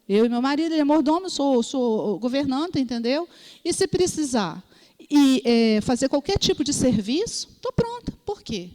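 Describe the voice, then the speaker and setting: Brazilian lady preaching at a prayer group, kinda high voice, long hall echo, keeps asking entendeu?. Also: darkish tone. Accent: Brazilian Portuguese. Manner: storytelling, acts out voices in quotes; asks listeners "entendeu?". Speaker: lay preacher.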